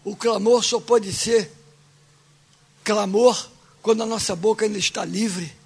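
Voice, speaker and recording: Raspy high-voiced fervent preacher man. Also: fairly even intonation, a little slow. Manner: fervent preaching, often shouting. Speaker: pastor. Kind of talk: sermon.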